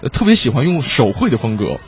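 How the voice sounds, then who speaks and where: A man hosting a radio variety show, chatting in quick, playful banter, heard as an AM radio broadcast. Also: mid-range voice, big pitch swings, muffled recording, faint music behind. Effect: AM radio broadcast sound. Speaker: radio host. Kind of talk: lively radio variety chat.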